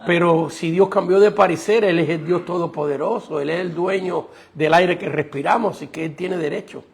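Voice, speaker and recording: Gravelly high-voiced preacher. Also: male voice, normal speed. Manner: emphatic, asks the congregation rhetorical questions. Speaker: pastor. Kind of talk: sermon.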